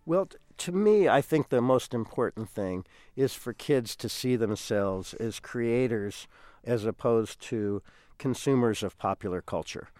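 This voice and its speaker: Brief: male songwriter, mid-pitched, animated storyteller, dry close recording. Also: a little slow, no room sound. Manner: lively storyteller, acting out quoted voices. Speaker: songwriter leading children's music workshops. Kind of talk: radio interview.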